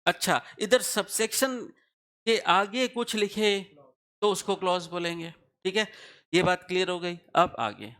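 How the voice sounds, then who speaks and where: A man's voice: sits high, unhurried, pushed and bright. A man teaching a tax law class, explaining step by step and often asking his students questions to check they follow. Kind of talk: classroom lecture.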